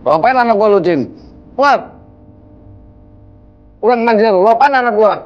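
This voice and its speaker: In a low-budget film, a man plays a furious middle-aged father who confronts his son-in-law, scolding him insistently. His voice sits high, with lively intonation and normal speed, and the highs are cut off in the recording.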